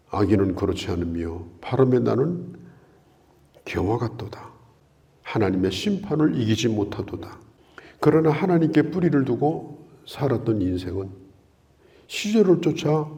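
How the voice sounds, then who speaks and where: A man's voice: mid-range voice, creaky, mellow. A middle-aged man preaching a daily Bible exposition as a pastor, earnest and emphatic, with some phrases dropped to a whisper.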